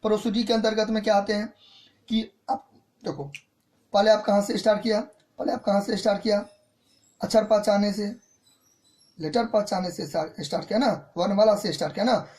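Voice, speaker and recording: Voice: medium pitch, fairly even intonation, fairly quick, darkish tone. A teacher giving an online grammar lesson, explaining step by step, repeating points and often checking in with the students. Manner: mixes in English terms.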